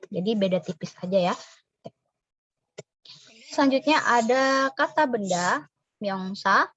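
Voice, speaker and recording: Lady teacher going slow thru pronunciation, says each word a few times, dry kinda dull audio. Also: medium pitch, fairly bright tone, no echo. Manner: slow, patient explanations with repeated example words. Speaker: Korean language teacher. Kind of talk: recorded online lesson explaining pronunciation. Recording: dry, slightly dull voice recording.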